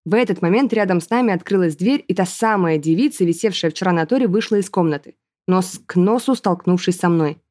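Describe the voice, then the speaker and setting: A woman's voice: fairly low pitch, fairly quick, a little mellow. Woman narrating a fantasy audiobook.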